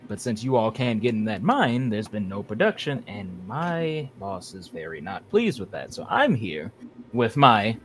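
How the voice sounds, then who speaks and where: A man playing a cool, menacing female dark-side agent who talks down to people. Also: on the low side, big pitch swings, unhurried, slight background noise. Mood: condescending. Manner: smooth and condescending.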